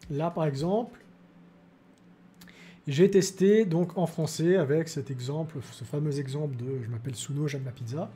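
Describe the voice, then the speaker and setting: A man hosting a tech video in a casual demo style, pausing often with filler words. His voice is slightly high but mellow, and faint music runs underneath. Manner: explanatory, many fillers.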